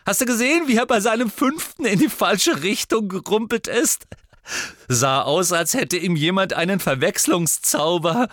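Man voicing a cocky teenage boy wizard, raised and loud, dry sound. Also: high voice, animated, normal speed, no echo, pitched above the performer's own voice. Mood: boastful.

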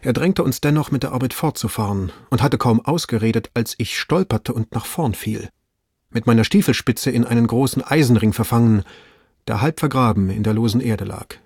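A man reading a story aloud in measured, even scripted narration. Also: medium pitch, breathy edge, no echo, studio quality. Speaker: audiobook reader.

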